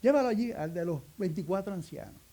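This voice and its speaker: A Cuban man playing a calm, welcoming male archangel at heaven's gate, speaking in an unhurried, reassuring manner. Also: high voice. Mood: soothing.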